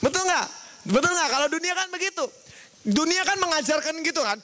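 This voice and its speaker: High, bright-voiced young youth preacher. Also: male voice, fairly quick. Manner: lively, asks the crowd "right?" again and again; mimics people and makes bleep sounds for swear words. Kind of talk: youth sermon.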